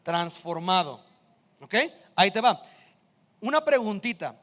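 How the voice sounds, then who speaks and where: High-voiced man preaching conversationally. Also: very animated, unhurried, a bit bright, in a large hall. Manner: conversational preaching with rhetorical questions. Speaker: pastor. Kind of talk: sermon.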